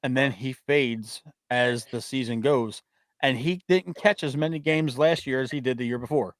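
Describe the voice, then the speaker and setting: A blunt, opinionated man hosting a sports talk show, ranting about players and throwing in a curse now and then. His voice is mid-pitched. The sound is dry and close, with no room echo. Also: normal speed. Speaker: host. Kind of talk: casual sports chat.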